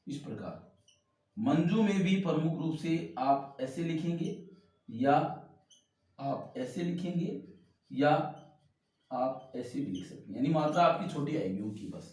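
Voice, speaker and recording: A man's voice: on the high side, darkish tone. A man teaching Hindi spelling to exam students, explaining each word as he writes it on a board. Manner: explains while writing on a board, repeating words. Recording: very echoey room, mic far off.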